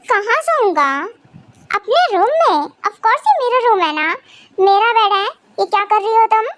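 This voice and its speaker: A woman's voice: extremely high pitch, animated, moderate pace, fairly bright tone, no echo. A woman voicing a tired, busy young businessman husband speaking in a weary, matter-of-fact way in a fan audio drama.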